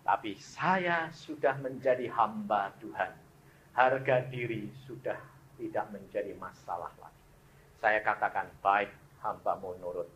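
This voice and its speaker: Male pastor, slow and emotional, loud to hushed. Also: fairly low pitch. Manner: emotional preaching, swinging between loud outbursts and soft, hushed lines. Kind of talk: sermon. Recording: dull lo-fi recording.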